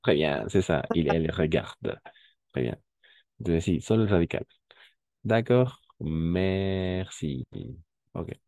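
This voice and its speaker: A man teaches a French class at an unhurried pace, going over each point patiently and checking that the students understand. His voice sits low and mellow. The recording is dry and close, with no room sound. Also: animated, dry recording. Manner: patient, repeats key words, checks with "right?". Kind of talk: live language class explanation.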